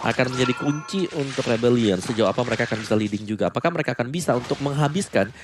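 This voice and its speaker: Fast-talking Indonesian male analyst, noisy broadcast. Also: mid-range voice. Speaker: esports analyst commentator. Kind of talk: live game analysis. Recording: noisy live esports broadcast.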